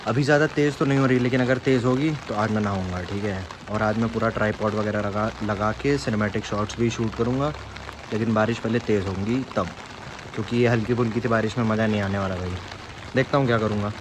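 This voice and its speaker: A man's voice: fairly low pitch, fairly even intonation, fast, noisy background. A young man vlogging and telling a story in a casual, chatty way, mixing in English phrases. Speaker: fitness vlogger.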